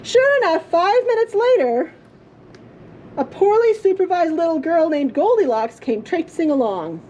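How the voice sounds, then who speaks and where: A woman storyteller reading a children's story aloud in a playful, theatrical way with drawn-out emphasis. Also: very high voice, big pitch swings, a little mellow, lo-fi sound, a little hiss or hum. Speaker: librarian storyteller. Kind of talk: expressive children's storybook reading for a puppet show.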